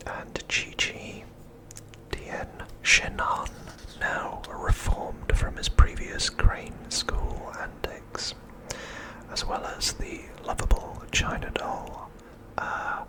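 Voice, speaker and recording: An ASMR host gives unscripted show-and-tell commentary in a breathy, unvoiced whisper, hushed and taking their time. The recording quality is rough.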